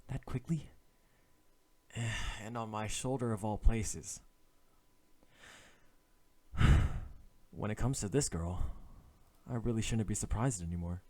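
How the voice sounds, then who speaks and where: In an ASMR audio roleplay, a man plays an exasperated assassin posing as a dutiful bodyguard, switching between polite formal address and grumbled inner thoughts. His fairly low, warm voice sounds flustered and incredulous.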